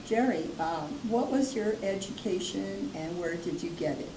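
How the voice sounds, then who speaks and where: A woman's voice: mid-range voice, animated, normal speed, far from the mic. Polite woman interviewer, off-mic. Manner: polite, brief prompts. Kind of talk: interview questions. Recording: echoey room, off-mic, background noise.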